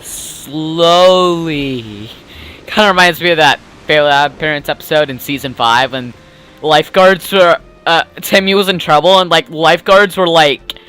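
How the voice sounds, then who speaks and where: A man's voice: a little high, fairly quick, pushed and bright, smooth. A man giving casual let's play commentary, rambling and joking with lots of filler words. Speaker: gameplay commentator. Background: game music.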